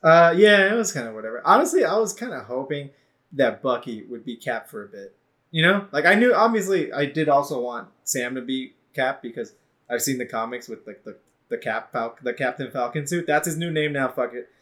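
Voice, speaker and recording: A man's voice: medium pitch, a little fast. Laughing, swearing podcast co-host, man. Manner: laughs often, swears casually, animated. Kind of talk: casual chat.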